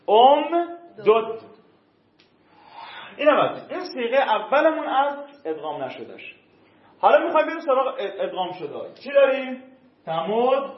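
A male teacher giving a classroom grammar lesson, drilling verb forms and quizzing his students. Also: extremely high pitch. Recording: dull, roomy classroom recording.

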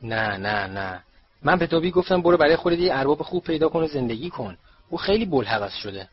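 A man voicing a timid, fretful female house-elf servant with a high squeaky voice and anxious, deferential manner, in a lo-fi audiobook recording. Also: very animated, husky. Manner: anxious, deferential, keeps saying sir.

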